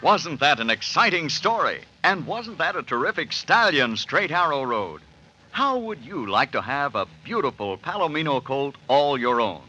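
A man's voice: a little high, very animated, moderate pace, dull audio, music in the background. An American man announcing in old radio style, with emphatic, showy salesmanship aimed at young listeners, on a vintage broadcast recording. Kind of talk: old-time radio announcing, enthusiastic sponsor pitch.

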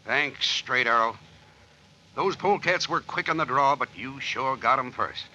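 An actor playing a folksy, steady sheriff with an American Western drawl in a vintage radio western on a noisy recording. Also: male voice, mid-range voice, a little slow, lo-fi sound. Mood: hearty. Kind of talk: 1940s radio western acting.

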